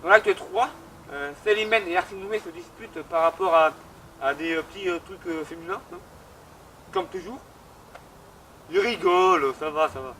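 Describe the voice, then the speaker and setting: A man's voice: high-pitched, normal speed, a bit bright, slight background noise, low-quality recording. A young man hosting a casual literature explainer, joking at his own remarks and hesitating often. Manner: jokey, self-mocking asides and many hesitations. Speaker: host. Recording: clear background music under voice.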